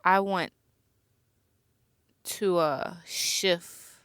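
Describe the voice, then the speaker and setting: Slow, bright-voiced young woman podcaster. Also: lowish voice, steady tone, clear, resonant tone, dry recording, clean studio sound. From born near Chicago, raised near Atlanta. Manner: slow, reflective, searching for words. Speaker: podcast host. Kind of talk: personal heartfelt monologue.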